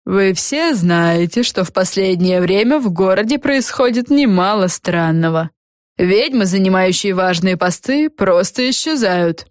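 Woman reading as a scheming witch boss, slow and commanding, mid pitch, dry audio. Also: expressive, dry recording, natural voice. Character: scheming witch girl leader, gloating ringleader.

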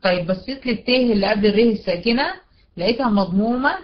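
A woman teacher with an Egyptian Arabic accent explains recitation rules step by step, recites example words slowly and often checks that her students follow. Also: on the high side. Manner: often checks understanding with "tamam?". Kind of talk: recorded tajweed lesson. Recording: dull, lo-fi recording.

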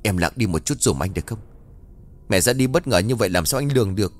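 A man voicing a flustered young husband snapping back at his wife in a hurried, irritated way. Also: on the low side, lively intonation, close to an everyday voice.

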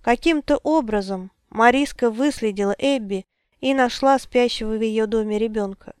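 Clear-voiced woman narrating an audiobook. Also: fairly high pitch, moderate pace, no echo, clean studio sound.

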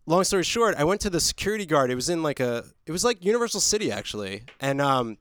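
A man's voice: fairly high pitch, big pitch swings, fast talker, fairly bright tone. A man co-hosting a casual podcast chat, telling a rambling story and chuckling at himself. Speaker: podcast co-host.

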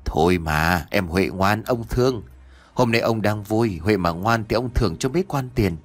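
A man's voice: lowish voice, lively intonation, moderate pace, no room sound. A man voicing a drunk, lecherous and cruel old male official who slurs and threatens. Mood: leering. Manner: slurring, leering, then menacing threats.

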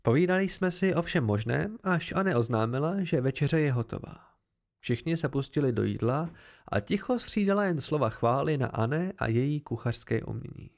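Gravelly, lively male audiobook reader. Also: on the high side. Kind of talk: amateur audiobook narration.

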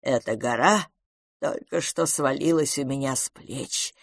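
A brash, confident young man with a low, firm, deliberate voice, as a female audiobook reader acts him out. He drops his voice well below hers and lets the words land slowly. The sound is close and dry. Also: creaky, no room sound, heavily acted.

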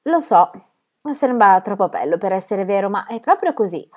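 Earnest hesitant middle-aged spinster aunt, lively rising voice, storybook reading, read by a woman. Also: medium pitch, moderate pace. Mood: eager.

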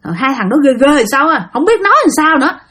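A woman's voice: high-pitched, big pitch swings, quick pace, fairly bright tone, pitched above the performer's own voice. A woman doing a fretful village wife. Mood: uneasy. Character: older village wife, anxious and uneasy.

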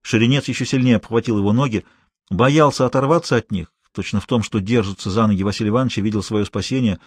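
A man narrating an audiobook in an expressive, dramatic storytelling manner. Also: fairly low pitch, quick pace, slightly rough, no echo, clean studio sound.

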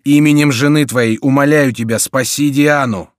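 A man's voice: mid-range voice, animated, unhurried, dry recording, clean studio sound. A male narrator voicing a brave young nobleman who speaks in bold, commanding declarations. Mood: defiant.

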